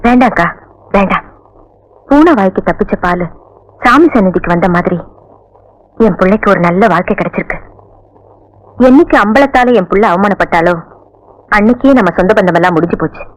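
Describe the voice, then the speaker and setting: A woman's voice: medium pitch, animated, brisk, long pauses, natural voice, low-quality recording. An actress playing a humble middle-aged village mother who speaks earnestly and pleads. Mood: pleading. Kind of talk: film dialogue.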